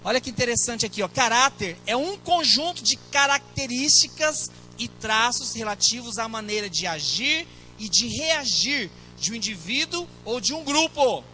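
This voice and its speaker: A man's voice: extremely high pitch, very animated, normal speed, pushed and bright, faint music behind, poor audio. A middle-aged man with a Brazilian Portuguese accent, a pastor preaching a sermon in a conversational way, with asides to the congregation.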